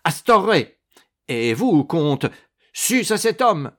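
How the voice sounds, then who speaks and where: A man voicing a fierce, violent monk who shouts in strained high cries. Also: sing-song, slow, heavily acted. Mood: shouting.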